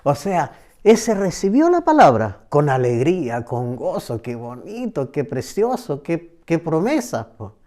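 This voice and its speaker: Male preacher for a Bible study program, unhurried, mellow, repeats key phrases. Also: fairly high pitch, huge pitch swings. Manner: slow, emphatic, repeats phrases.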